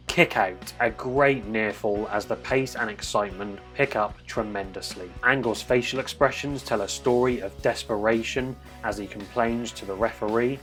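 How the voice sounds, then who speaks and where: Enthusiastic man narrating a match review. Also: lowish voice. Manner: enthusiastic, analytical. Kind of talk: scripted voice-over commentary.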